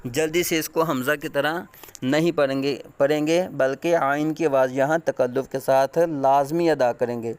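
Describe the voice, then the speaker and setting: A man with a Pakistani Urdu accent teaching Quran recitation, spelling out letters and words slowly and loudly, then explaining the rules quickly in a lower voice. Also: fairly even intonation, clean tone, no room sound.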